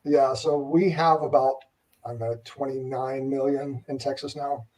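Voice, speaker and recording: Mellow-voiced man, distant call mic. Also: medium pitch, moderate pace. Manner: relaxed, rambling, many fillers. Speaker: host, interviewer. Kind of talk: casual live-stream interview.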